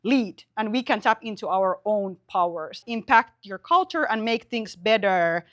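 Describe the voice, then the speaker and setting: A woman's voice: mid-range voice, animated, a little slow, fairly bright tone. A young woman from Finland, talking casually in an interview as a musician, full of slang and "like". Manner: slangy, filler-heavy, uses "like" constantly. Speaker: musician guest.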